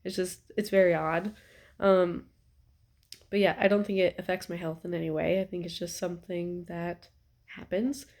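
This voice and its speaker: A woman's voice: fairly low pitch, level tone, normal speed, darkish tone. A young woman talking casually to camera from her couch at home, chatty and rambling with lots of ums and likes, a bit stuffy-nosed. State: stuffy nose. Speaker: vlogger.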